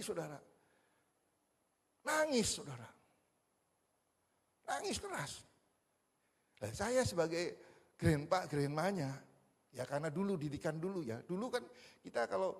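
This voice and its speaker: Pendeta pria tua bersuara serak, gema aula panjang. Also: male voice, high voice, breathy edge. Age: older. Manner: animated storytelling, addresses the congregation as "saudara" constantly; mixes in Javanese and English words. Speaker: pastor. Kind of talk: sermon. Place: church hall. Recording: long church hall reverb.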